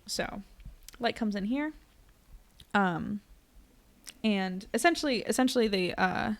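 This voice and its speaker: A woman reading a popular science book aloud for a live stream audience. She keeps a steady, clear reading pace at a middle pitch, now and then stumbling on a word and correcting herself. Between passages she drifts into a softer, mumbled explaining voice. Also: slow pace. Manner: drops to a soft mumble when explaining a figure. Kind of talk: reading aloud with casual asides.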